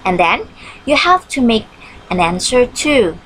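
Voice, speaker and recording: Slow-talking woman teaching English. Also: fairly high pitch, very animated, a bit bright, slight background noise, rough recording. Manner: repeats each English line in Indonesian, slow careful English. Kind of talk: online English lesson.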